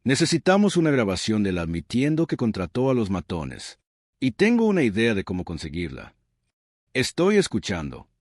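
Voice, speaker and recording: A man's voice: on the low side, wildly swooping pitch, moderate pace, no room sound, studio quality. A man voicing a confident male ally who lays out a plan step by step in an instructive manner, within a read-aloud story.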